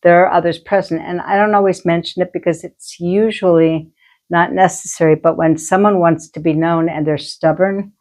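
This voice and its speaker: Woman, lowish voice, middle-aged, healer chatting, acts out quoted voices. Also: moderate pace. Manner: animated storyteller acting out quoted voices. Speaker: healer and medium co-host. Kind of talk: casual chat, storytelling.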